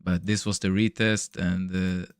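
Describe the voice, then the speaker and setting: This young futures trader speaks in a deep, resonant, level voice, a little on the slow side and clear. He streams live, chatting loosely about his trades, cursing, laughing and addressing chat as bro; his parents are Serbian, though he grew up elsewhere in Europe. Clean studio sound with no echo.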